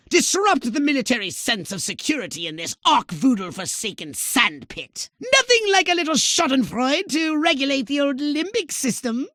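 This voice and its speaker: An actor voices a video game's fussy, haughty, scheming alien scientist commander, delivering lines in a pedantic, sardonic, theatrical manner. His voice is very high-pitched, pushed and bright, and heavily acted. The studio sound is clean, with no room sound.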